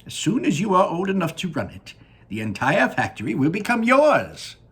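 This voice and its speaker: A man voicing an eccentric, earnest old chocolate maker in a storybook, excitable and emphatic, with drawn-out words. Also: high-pitched, husky, voice pushed up, heavily acted. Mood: fond, solemn. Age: older.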